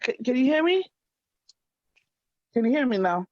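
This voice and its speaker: A woman's voice: sits high, very animated, normal speed, no room sound. Woman on a call dropping out. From Jamaica. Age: 30s. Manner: repeats herself, checking if she is heard. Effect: video call audio breaking up and dropping out. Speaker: guest in a video call conversation. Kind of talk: casual chat over a video call. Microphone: computer or phone on a video call. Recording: dull lo-fi video call audio.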